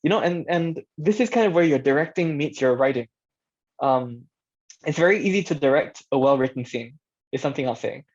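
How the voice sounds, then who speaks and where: Leading a casual workshop, an audio drama director chats with his audience, musing aloud and checking that they're following along. He's animated and a little fast at medium pitch, captured in muffled, band-limited lo-fi sound.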